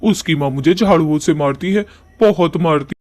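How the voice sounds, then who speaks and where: A shameless old father-in-law from a cartoon story, voiced by a man wheedles and drawls. His voice sits a little high. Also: a little mellow, close to an everyday voice. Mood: wheedling. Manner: wheedling, drawn-out.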